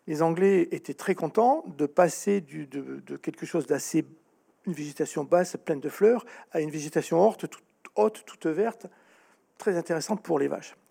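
A man speaking as a guest author in an interview, explaining at length with animated storytelling and frequent restarts. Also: on the high side, moderate pace, creaky, breathy edge.

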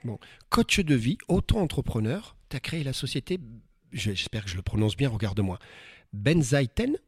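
A man's voice: medium pitch, very animated, normal speed, a little mellow, slightly rough. A man hosting an interview, enthusiastic and encouraging, asking his guest about her path. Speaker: interview host. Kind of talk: conversational interview.

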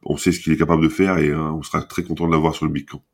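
This podcast guest, a man who founded a basketball camp, has a very deep, level voice and talks at a rapid-fire clip. Chatty and stuffed up with a head cold, he rambles through the casual interview and keeps restarting his sentences.

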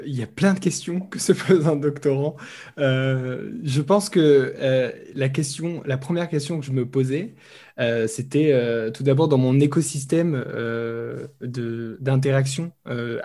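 A young man speaks spontaneously as an interviewed researcher, thinking aloud with frequent pauses and hesitations. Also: mid-range voice, dark tone. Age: young adult. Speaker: young researcher and podcast co-host, interview guest.

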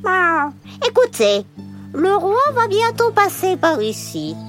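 A crafty little female cat purrs out her schemes in a very high, childlike voice that climbs and dips widely. She speaks slowly and sweetly, dropping meows between lines. Gentle music plays underneath. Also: full character voice. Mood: commanding. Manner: slow, coaxing, flattering. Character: clever sly female cat, small, bold. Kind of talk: storybook character acting.

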